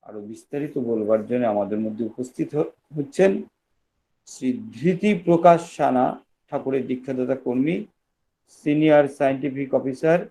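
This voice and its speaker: Male host for a formal online event, mellow mid-pitched voice, measured and respectful, faint noise behind. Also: poor audio. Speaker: webinar host. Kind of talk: formal introduction of a speaker.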